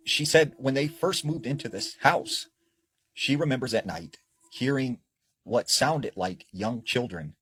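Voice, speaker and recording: A man telling a spooky story in a casual, earnest way, swelling up and then dropping to a hush. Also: on the low side, breathy edge.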